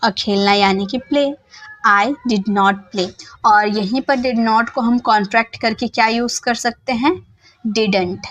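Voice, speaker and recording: A woman teacher with a slightly high voice walks viewers through an English lesson in a relaxed, conversational way. She repeats every example patiently and slowly, pausing often to check the listener is following. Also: a little hiss or hum. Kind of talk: casual explanatory lesson.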